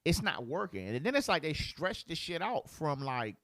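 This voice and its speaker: A man's voice: a little high, very animated, moderate pace, fairly bright tone, dry recording. A man hosting a podcast in casual chat, blunt and profane, talking as a father of a preschooler. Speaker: podcast host.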